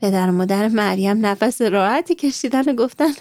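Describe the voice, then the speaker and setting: A woman's voice: mid-range voice, slight background noise. A woman reading a bedtime story aloud and speaking directly to the children listening. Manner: warm, addresses children directly.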